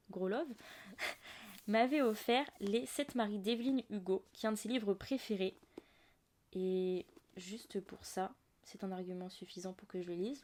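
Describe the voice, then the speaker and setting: A woman's voice: mid-range voice, dark tone. A young woman hosting a casual book podcast, chatty and full of asides and fillers. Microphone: audio-only podcast mic.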